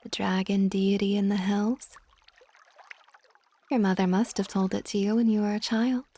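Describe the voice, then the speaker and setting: A woman gives voice to an ancient water dragon goddess, possessive yet tender, in a soft and intimate ASMR romance roleplay, often drifting into a whisper. Her medium-pitched voice is steady, with a breathy edge, at normal speed, and the acting is light.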